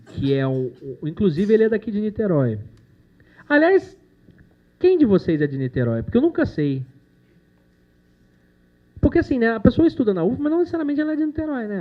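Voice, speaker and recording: A man chats loosely with students in a lecture room, cracking jokes and dropping slang. His voice sits a little high, and the sound comes through muffled and lo-fi. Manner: chatty, jokey, with slang and swearing. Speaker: animation producer giving a talk. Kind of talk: casual talk to university students.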